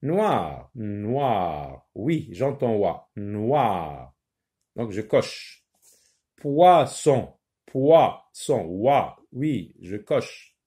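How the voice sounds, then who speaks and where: A man teaching a children's phonics lesson, repeating each word slowly and sometimes explaining in Arabic. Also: mid-range voice, animated, dark tone. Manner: slow, repeats words syllable by syllable.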